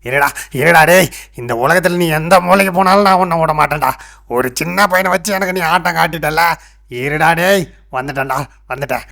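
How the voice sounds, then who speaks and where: An actor voicing a scheming older sage in a cartoon, who cries out and grumbles, with a Tamil accent. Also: male voice, mid-range voice, fairly even intonation, normal speed, lightly acted. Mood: outraged. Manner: exclaims and grumbles, often loud cries. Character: scheming older male sage, easily fooled, loud. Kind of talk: cartoon dubbing.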